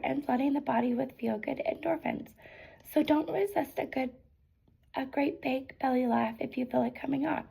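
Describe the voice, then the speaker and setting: A woman speaks in a whispered ASMR pep talk, her high voice heavily crackled with fry and a little under the weather. She is gentle and unhurried, moving between read-out affirmations and casual, encouraging asides. A faint hiss sits behind her. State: sick, voice affected. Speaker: ASMR creator.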